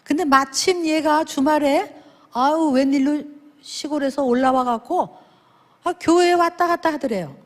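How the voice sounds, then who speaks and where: At a church service, a woman delivers a lively sermon at normal speed, telling stories and acting out the people in them. Her voice swings widely in pitch as she animates their dialogue, and the church hall adds a long reverb.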